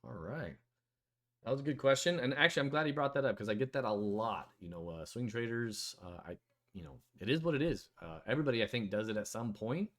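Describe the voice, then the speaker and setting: A man's voice: mid-range voice, animated, quick pace. A man hosting a casual online voice chat, talking loosely with many fillers and restarts. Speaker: host of a community AMA.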